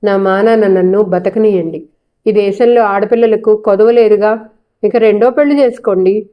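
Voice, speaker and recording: Storybook figure: a woman reading a sharp-tongued young wife, cutting and proud, mid-pitched voice, dull lo-fi sound. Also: fairly even intonation, moderate pace, close to an everyday voice. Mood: defiant.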